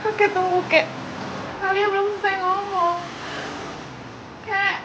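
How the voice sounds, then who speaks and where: An actress in her late twenties playing a gentle granddaughter who speaks softly and pleadingly. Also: very high voice, flat delivery, unhurried, lo-fi sound, noisy background. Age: late 20s. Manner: soft, pleading. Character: gentle young woman, loving granddaughter.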